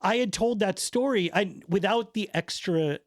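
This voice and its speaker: A man's voice: high voice, normal speed. A man in his thirties, a podcast guest, telling candid, profane, self-deprecating stories about fatherhood in casual conversation. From Miami.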